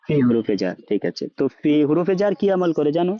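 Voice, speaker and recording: A man's voice: fairly high pitch, sing-song, fast. A man teaching a language class, asking students questions and often checking that they follow, mixing English words into his speech. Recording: dull lo-fi sound.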